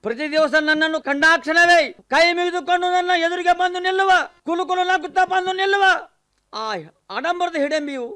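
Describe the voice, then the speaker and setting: A man's voice: very high voice, fairly quick, sharp tone. A man voicing a young demon son in a mythological radio play, speaking in an anxious, questioning, declamatory way. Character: young demon son, worried about his mother.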